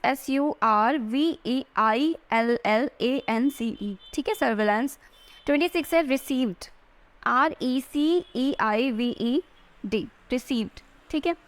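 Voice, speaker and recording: Woman teacher, high voice, coaching exam spelling with frequent check-ins. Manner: spells words out letter by letter, slowly. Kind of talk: exam-prep spelling lesson.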